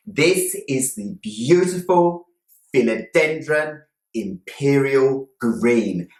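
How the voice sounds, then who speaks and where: A man hosts a casual vlog with nonstop cheer. He gushes, leaning hard on his words of admiration and drawing them out. His mid-pitched voice rings in a roomy, echoey space. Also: fairly bright tone. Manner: relentlessly cheerful, gushing with drawn-out emphasis on praise words. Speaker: plant vlog host. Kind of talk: casual presentation to viewers, showing plants. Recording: roomy, echoey indoor sound.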